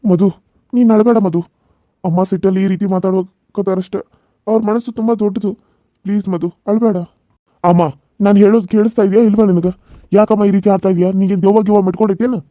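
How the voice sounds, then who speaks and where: A man's voice: sits high, fairly even intonation, fast talker, dry recording, lo-fi sound, lightly acted. A man with a North Karnataka Kannada accent voicing an earnest young married son who pleads and explains in a cartoon serial. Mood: pleading.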